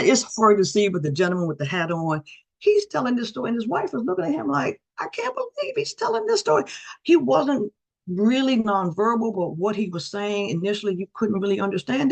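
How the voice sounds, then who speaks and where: A middle-aged woman giving a storytelling presentation as a guest speaker over a video call, lively and acting out the voices of the people in her stories. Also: deep voice. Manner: animated, acts out quoted voices.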